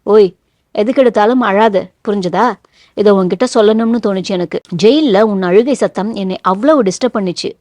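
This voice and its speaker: A woman's voice: mid-range voice, fairly even intonation, dark tone, dry recording, natural voice. A woman reading the lines of a bold young woman who teases and comforts a friend in a novel. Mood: teasing tender. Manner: teasing yet tender, quick. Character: bold young woman saying a teasing goodbye.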